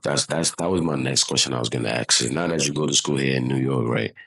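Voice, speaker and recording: A man's voice: a bass voice, vocal fry, breathy edge. A young man from Nigeria hosting a podcast, asking questions in casual chat and agreeing with his guest bluntly and with energy. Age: young adult. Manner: animated, blunt, quick to agree. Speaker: podcast host.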